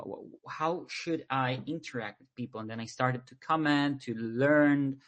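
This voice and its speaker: A Venezuelan man whose first language is Spanish rambles as a podcast guest in casual conversation, repeating words while he thinks. His voice is medium in pitch.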